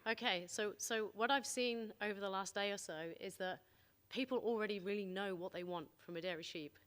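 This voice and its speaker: A middle-aged woman presents at a conference in a medium-pitched voice. Her delivery is informal and conversational, with keen enthusiasm for her subject. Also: brisk, a bit bright. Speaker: scientist giving a conference talk. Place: indoor conference venue.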